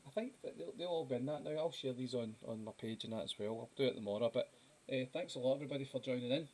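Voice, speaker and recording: Relaxed man signing off a stream. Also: mid-range voice, racing. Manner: relaxed, rambling, thanking viewers. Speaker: host of a live drawing stream. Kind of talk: casual chat.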